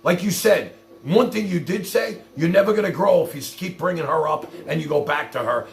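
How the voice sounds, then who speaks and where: Speaking at a moderate pace with a fairly high pitch and vocal fry, a man hosting a livestream rants directly at his viewers. He's profane, exasperated and confrontational, hammering them with blunt, repeated rhetorical questions.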